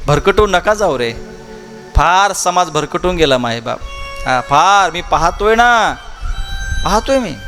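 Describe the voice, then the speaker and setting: Before a large festival gathering, a man with a Marathi accent preaches the Shiv Mahapuran katha as a kirtan sermon, repeating phrases and asking the crowd rhetorical questions. His high voice is pushed and bright with lively intonation, unhurried and broken by long pauses, over soft background music.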